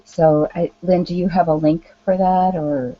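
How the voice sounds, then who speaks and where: A woman speaking in a calm, gentle, reassuring way, giving an earnest motivational talk as a spiritual teacher. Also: on the low side, unhurried, no room sound, lo-fi sound.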